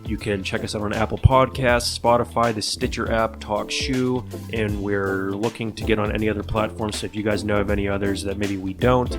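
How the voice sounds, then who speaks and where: A man's voice: lowish voice, steady tone, a little fast, few pauses, over music. A man in his thirties co-hosting a casual podcast, telling rambling stories with frequent laughs. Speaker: podcast co-host.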